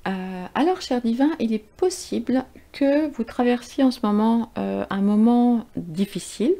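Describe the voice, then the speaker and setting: A woman's voice: fairly high pitch, animated, a little slow, dark tone. A woman giving a casual spiritual card reading to her viewers, chatty and informal, with frequent fillers and self-corrections. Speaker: tarot and oracle card reader.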